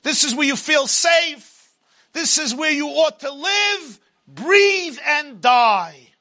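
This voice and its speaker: A man voicing a domineering, taunting Pharaoh as an inner oppressor, in a booming motivational-speech delivery within a sermon. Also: lively intonation, slow, bright, forceful tone, exaggerated voice. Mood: commanding.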